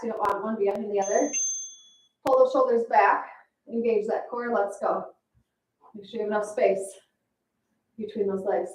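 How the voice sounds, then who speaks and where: A woman's voice: a little high, a little mellow. A woman leading a workout as an aerobics instructor, encouraging, cueing moves and counting in short commands. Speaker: fitness instructor. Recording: echoey room, distant mic.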